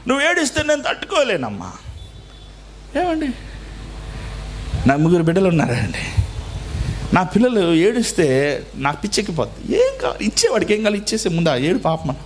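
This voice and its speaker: Man, pastor, sermon, raised high voice, dramatic loud-soft swings, drawn-out stressed words. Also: a little hiss or hum.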